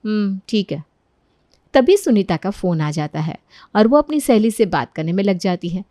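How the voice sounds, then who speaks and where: A woman narrating a children's cartoon story in a clear storytelling manner. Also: mid-range voice, big pitch swings, moderate pace, warm tone, no echo, studio quality.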